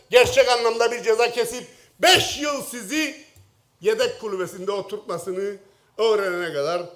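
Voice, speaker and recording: A middle-aged man with a Turkish Cypriot accent giving a heated parliamentary speech at a lectern microphone, swinging from low jabs to shouted outbursts. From Northern Cyprus. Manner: speaking at a lectern microphone in the chamber. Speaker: member of parliament. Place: parliament chamber. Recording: roomy chamber echo.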